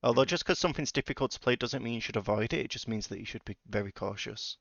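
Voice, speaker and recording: A man's voice: medium pitch, fast, gravelly, a bit bright, no echo, lo-fi sound. A man explaining rhythm game mapping casually, filling his sentences with "like". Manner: filler-heavy, uses "like" a lot.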